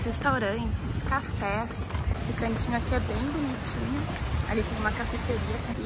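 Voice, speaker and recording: A woman's voice: on the high side, heavy background noise. A young woman from Brazil, chatting upbeat to her viewers in a travel vlog filmed outdoors on a phone held at arm's length. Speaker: travel vlogger. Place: outdoors, city streets and snowy mountains.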